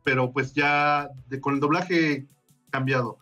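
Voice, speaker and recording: A man in a casual chat among friends, talking quickly, rambling and laughing often. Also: medium pitch, steady tone, sharp tone, dull audio. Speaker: podcast co-host. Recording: distant from the mic, faint music behind.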